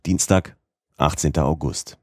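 A man narrates a classic novel in a measured, steady reading. His voice sits very low and carries a husky grain. The sound is dry and close, with no room around it. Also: no room sound. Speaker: audiobook narrator.

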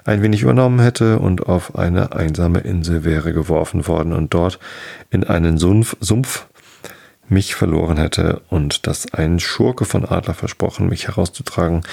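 A man narrating a folk tale as an audiobook reader, in a measured storytelling manner. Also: sits low, gravelly, a little mellow, husky.

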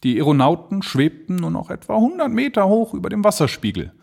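A man narrating an audiobook in an expressive storytelling manner. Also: high voice, brisk, creaky, breathy edge. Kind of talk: scripted narration.

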